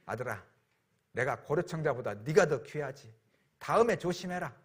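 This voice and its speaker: A preacher acting as a husky, stern but forgiving father. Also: sits high, wildly swooping pitch, normal speed, full character voice. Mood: gentle. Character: stern forgiving father scolding his son.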